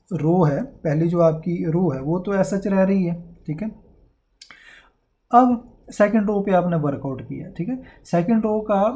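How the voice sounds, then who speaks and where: A man's voice: a little high, warm tone, dull audio. A man giving a patient, step-by-step math lecture, often checking in with his students as he works through a problem. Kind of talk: classroom lecture, Hindi mixed with English.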